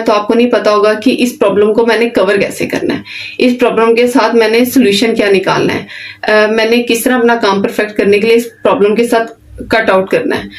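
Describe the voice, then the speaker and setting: In this online class lecture, a woman with a higher, darkish voice teaches beautician skills. She explains things plainly and simply, gives direct instructions, and repeatedly says "ठीक है" (okay) to check in.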